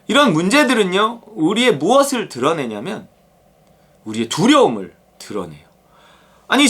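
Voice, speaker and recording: Animated high-voiced male pastor. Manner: animated, conversational, acts out quotes. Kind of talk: daily devotional sermon.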